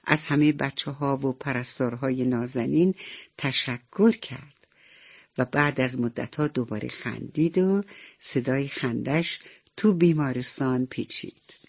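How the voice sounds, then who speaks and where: A woman narrating a radio bedtime story, speaking directly and warmly to the children listening. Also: very deep voice, vocal fry, breathy edge. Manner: warm, addresses children directly. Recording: slightly dull radio recording, soft music behind.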